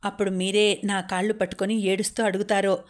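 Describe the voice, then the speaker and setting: A worried, short-tempered husband who has lost his job, as a woman narrator puts him on. He talks in a hurt, reproachful way with a flat, level pitch and a middle-range voice, in an audiobook story. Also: brisk, lightly acted. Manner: agitated, reproachful.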